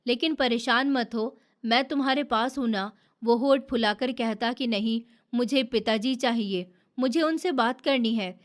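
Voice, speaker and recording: Emotional woman narrator, slightly high voice. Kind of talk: first-person storytelling.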